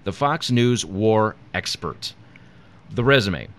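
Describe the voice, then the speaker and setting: A man's voice: lowish voice, expressive, slow, a little hiss or hum. A man co-hosting a talk show, reading a scripted comedy segment aloud and sometimes stumbling over words. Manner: reads from a script with stumbles and laughs. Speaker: co-host.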